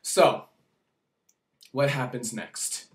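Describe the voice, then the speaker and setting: A man's voice: mid-range voice, drawn-out words. A man earnestly retelling an upsetting personal story in a vlog, agitated, with many repeats and restarts. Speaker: vlogger. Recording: roomy echo, away from the mic.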